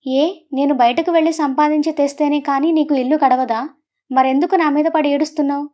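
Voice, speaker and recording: Woman voicing an angry shouting grown son. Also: high voice, fairly even intonation, fairly quick, lightly acted. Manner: shouting, harsh.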